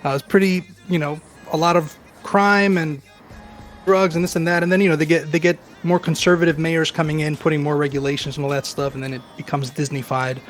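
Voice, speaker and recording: A man's voice: on the high side, little pitch movement, a little fast, faint music behind. A man around forty, chatting casually as a guest and telling his life story in a rambling, self-deprecating way with many fillers. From Queens, New York. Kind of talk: casual chat.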